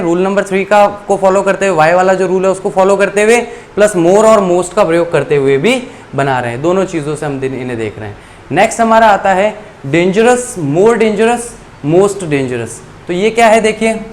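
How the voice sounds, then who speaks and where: A man teaching English grammar in a classroom-style lesson, explaining rules step by step and reading the English lines aloud slowly. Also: high-pitched, a little hiss or hum.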